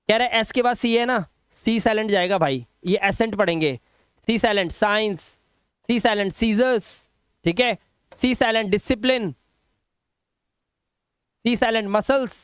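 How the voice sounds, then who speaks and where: A man's voice: sits high, no room sound. A man with an Indian accent teaching English pronunciation rules, emphatic and repeating each word. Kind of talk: spoken English lesson.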